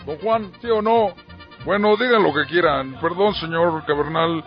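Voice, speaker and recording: A man with a Mexican accent playing a crude, bigoted older politician in a radio comedy sketch, gruff and blustering. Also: a little high, moderate pace, faint music behind, lightly acted. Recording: lo-fi radio broadcast.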